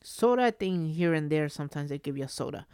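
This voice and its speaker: A woman chats casually as a solo podcast host, in a voice a little on the low side. She rambles through her stories, circling back and repeating phrases. The recording is dry and free of room sound. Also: expressive, quick pace, dark tone, clean tone, no room sound.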